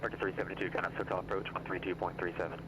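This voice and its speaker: A man's voice: deep voice, flat delivery, a bit bright. A man working as an air traffic controller, giving terse, clipped instructions over an aviation radio. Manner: terse, rapid-fire instructions. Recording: distant radio transmission with background chatter.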